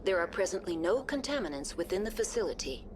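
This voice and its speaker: With a noisy background, a woman speaks quickly in a lowish voice with big pitch swings. She voices a courteous, unemotional female AI running a research station, delivering calm, impassive, formal procedural announcements from a video game script.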